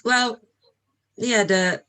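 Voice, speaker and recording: Speaking very slowly in a fairly high, bright and forceful voice, this middle-aged woman from Slovakia, in Eastern Europe, reminisces about her own life. She talks in English with a Slovak accent as a guest in a relaxed interview.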